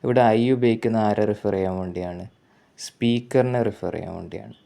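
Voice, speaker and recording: Malayali man teaching grammar slowly. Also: fairly low pitch, gravelly, mellow. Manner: slow, repetitive explaining with self-corrections; reads English examples very slowly. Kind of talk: explanatory grammar lesson.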